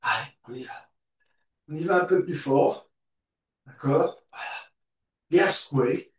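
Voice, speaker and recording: A man teaching a morning yoga class, giving calm, encouraging cues and repeating them slowly. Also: fairly high pitch. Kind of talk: guided yoga class instruction. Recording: echoey room, voice far from mic.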